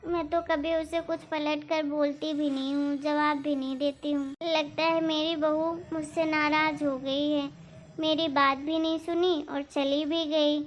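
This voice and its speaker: A woman voicing a kind, hardworking older mother-in-law in a cartoon, speaking in a gentle, patient, pleading way. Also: sits high, level tone, measured pace, faint music behind. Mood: hurt. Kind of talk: cartoon voice acting. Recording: dull lo-fi recording.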